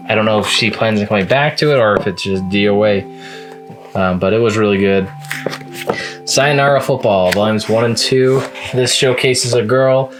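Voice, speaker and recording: A man casually reviewing the manga he read that week, rambling along with lots of fillers and restarts. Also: lowish voice. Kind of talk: casual reading-log review.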